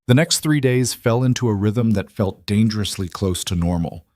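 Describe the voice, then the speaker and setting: A man narrating a scripted story in a calm, even manner. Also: on the low side, normal speed, dry recording, studio quality.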